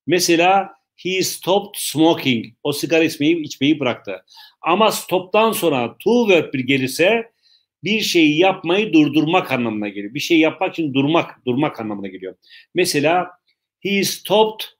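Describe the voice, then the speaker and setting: A man runs a live English class online, speaking slowly, going over points again and bantering with questions from the audience. His pitch is on the high side.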